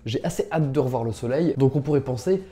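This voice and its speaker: Young man, YouTube host, mellow tone, mid pitch, casual talk to camera. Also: fast talker, faint music behind.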